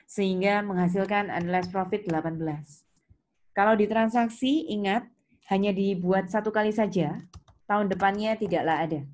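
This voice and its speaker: Here an Indonesian-accented woman lectures on accounting, working through examples one step at a time in a mid-range, slightly mellow voice. She teaches didactically, asking questions and adding reminders. Keyboard clicks and clear background noise come through.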